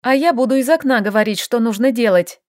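A woman voicing a stubborn, feisty young heroine who bickers and exclaims in quick, sharp lines, read from an audiobook. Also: a little high, dry recording, studio quality, lightly acted.

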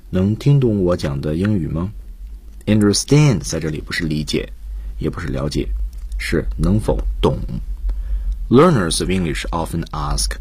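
A man's voice: low voice, darkish tone, slightly rough, no echo. A man teaching English on a radio lesson, patiently explaining words and grammar in his own language with English examples. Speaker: English teacher and guest lecturer. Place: radio studio.

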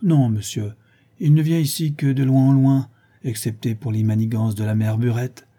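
A man's voice: medium pitch, fairly even intonation, normal speed, mellow, breathy edge, close to an everyday voice. A man voicing a nosy, self-important old male porter who talks in a prim, fussy way. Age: older.

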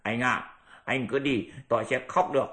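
List: man voicing a sly grumbling pig-monk, lazy, lower plain voice, storybook. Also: moderate pace, a bit bright, close to an everyday voice. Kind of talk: audiobook character voice.

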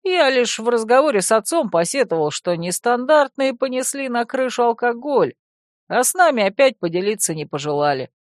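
A woman's voice: fairly high pitch, big pitch swings, moderate pace, dry recording, clean studio sound, pitched above the performer's own voice. Woman voicing a cocky young fox-shifter guy. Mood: smug. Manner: smug, teasing. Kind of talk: audiobook character voice.

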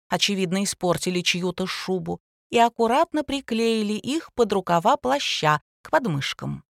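A woman narrating an audiobook in an even storytelling manner. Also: medium pitch, no room sound, clean studio sound. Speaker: audiobook reader. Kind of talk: scripted narration.

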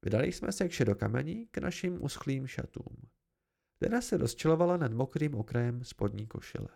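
A man's voice: medium pitch, big pitch swings, gravelly, warm tone. A man giving an amateur first-person novel narration, reading expressively. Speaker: audiobook reader.

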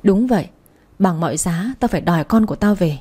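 A woman voicing a furious young mother who curses and shouts to get her baby back. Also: fairly low pitch, animated, brisk, breathy edge. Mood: bitter. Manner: shouting, cursing.

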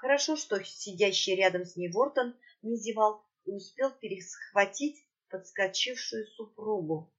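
A woman reading a fantasy novel aloud in the first person, with an even storytelling manner. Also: medium pitch, measured pace, few pauses, breathy edge, muffled recording. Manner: even storytelling, occasional slips. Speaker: audiobook narrator.

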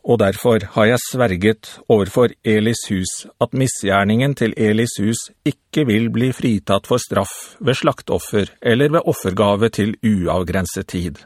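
A man reading the lines of God as a grave, unhurried divine voice in a scripture reading. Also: lowish voice, darkish tone, dry recording, clean studio sound, natural voice. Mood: solemn. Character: solemn divine male voice of God.

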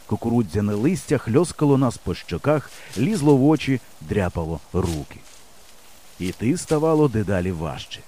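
A man reading a children's adventure book aloud in first person, with a lively, expressive, playful delivery. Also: on the low side, normal speed, slight background noise. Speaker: audiobook narrator. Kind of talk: first-person storybook narration.

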